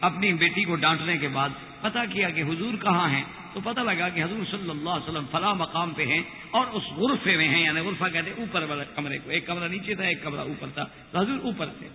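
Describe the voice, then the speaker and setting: Male preacher, high voice, scripture intoned slowly, tinny phone-like sound, long hall reverb. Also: slight background noise. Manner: intones Quranic Arabic slowly, retells with acted dialogue. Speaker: Islamic preacher. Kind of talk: Urdu sermon with storytelling.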